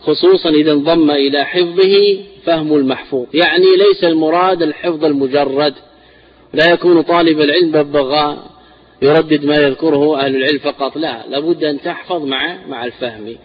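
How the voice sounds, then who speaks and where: Husky man teaching a classical text. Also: on the high side, steady tone. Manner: explains slowly, repeats words to stress them. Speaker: teacher of Islamic inheritance law. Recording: dull lo-fi recording.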